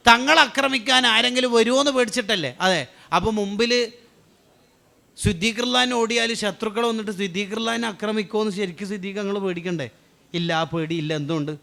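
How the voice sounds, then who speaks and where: A man preaching an Islamic sermon, asking rhetorical questions and answering them, swinging between loud urging and low intimate tones. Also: vocal fry.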